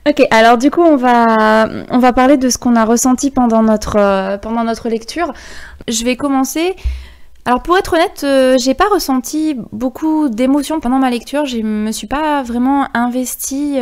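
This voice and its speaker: A woman's voice: fairly high pitch, darkish tone. A woman with a French accent co-hosting a book podcast, talking casually with frequent hesitations. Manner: hesitant, many fillers. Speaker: podcast co-host.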